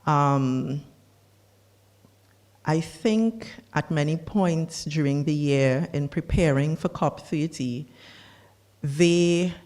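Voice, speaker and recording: A policy speaker lays out a formal climate briefing at a slow, unhurried pace. The delivery is measured and deliberate, and the voice sits at an ordinary middle pitch. Now and then a dry aside slips in. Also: darkish tone.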